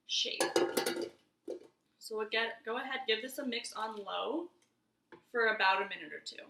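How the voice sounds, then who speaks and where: Here a young woman in her twenties speaks at mid-range pitch over some background noise. As a cooking vlogger, she casually demonstrates a recipe at home, talking viewers through every step in a relaxed, chatty way, with roomy kitchen echo around her.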